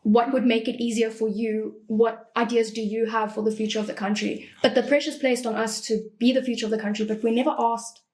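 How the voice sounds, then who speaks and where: Panelist: young woman, early 20s, a bit high-pitched, earnest and articulate. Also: level tone, fairly quick, hardly any pauses, a little mellow. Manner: earnest, explaining at length. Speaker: student panelist. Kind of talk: casual panel discussion.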